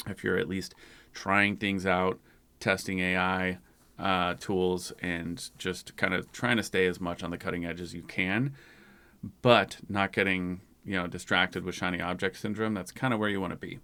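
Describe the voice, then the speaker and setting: Low, smooth-voiced man explaining software. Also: fairly even intonation, moderate pace. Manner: loose, rambling, conversational. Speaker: tech channel host. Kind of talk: casual screen-share tutorial.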